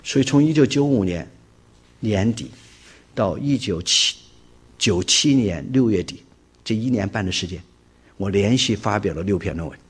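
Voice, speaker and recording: A husky man, a preacher, giving an animated personal testimony and acting out the dialogue he quotes. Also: on the low side, normal speed, long pauses. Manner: vivid storyteller who acts out quoted dialogue.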